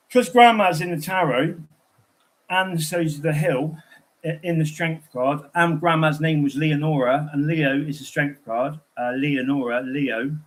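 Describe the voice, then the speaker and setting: A man's voice: fairly high pitch, poor audio. A man chatting casually on a livestream, telling rambling, digressive stories.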